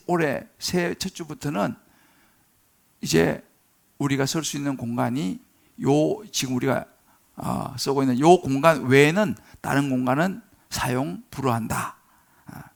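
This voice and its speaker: A middle-aged man preaching a sermon as pastor, swelling loud and high on key words and telling stories with chatty asides and tag questions. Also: a little slow, creaky.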